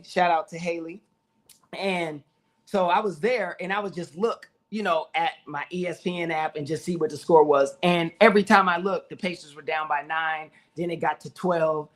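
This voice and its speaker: A man with a fairly high voice chats casually as co-host of a sports talk show. He tells stories with animation and acts out what his friends said.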